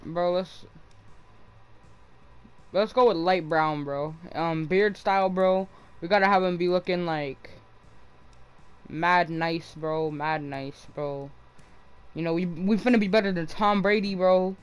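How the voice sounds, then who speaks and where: A man's voice: sits high, measured pace, pauses often, smooth. Slangy young man saying "bro" constantly. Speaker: gamer. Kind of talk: casual gameplay commentary.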